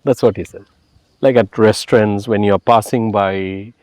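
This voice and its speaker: A man's voice: on the low side, steady tone, normal speed, a little mellow, clear, resonant tone, dry recording. A man from Kerala with a Malayali accent, speaking reflectively and explaining his views in a conversational interview. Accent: Malayali Indian. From Kerala, India. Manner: explanatory, often tags phrases with "you know". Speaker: interview guest.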